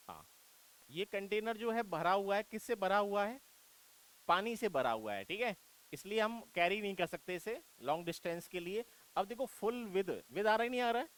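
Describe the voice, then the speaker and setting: This is an Indian man with a fairly high voice running an exam-prep English grammar lesson. He coaxes and repeats himself, calling students "beta" and answering his own questions. A faint hiss runs under the recording. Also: fairly bright tone, low-quality recording. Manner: coaxing and repetitive, calls students "beta", asks rhetorical questions.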